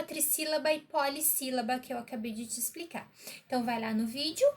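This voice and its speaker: A woman teacher giving a recorded remote lesson to a child, slow and encouraging, often checking in with the listener. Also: sits high, a little hiss or hum.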